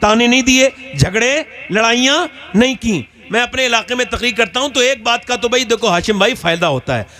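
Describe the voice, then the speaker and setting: A male preacher telling a moral story in a religious talk, animated with wide swings in pitch. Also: brisk, few pauses.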